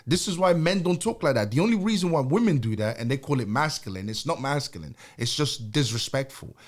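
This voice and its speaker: An emphatic young man talking through his view in a relaxed podcast chat. He circles back to the same phrases, checks that he is understood and breaks into short laughs, at an ordinary mid pitch. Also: brisk. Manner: emphatic, repeats himself, laughs between points. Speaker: podcast co-host. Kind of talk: casual debate chat.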